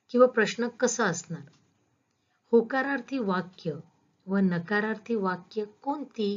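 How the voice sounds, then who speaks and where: Patient woman teacher, slightly lo-fi. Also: medium pitch. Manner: patient, explains step by step with questions to students. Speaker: school teacher. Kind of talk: online grammar lesson.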